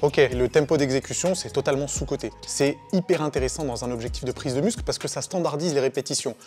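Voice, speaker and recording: Man, fitness coach, rapid blunt opinions, faint music behind. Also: mid-range voice, a little mellow. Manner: fast, confident, blunt with casual fillers. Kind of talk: quick-fire opinion answers.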